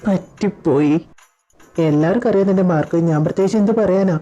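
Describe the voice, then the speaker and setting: Fretful young guy pleading with his buddies, woman doing the voice, mellow soft tone, fan audio drama. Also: medium pitch, fairly quick, highs cut off, lightly acted. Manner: pleading, exasperated chatter. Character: young man, anxious and bantering with friends.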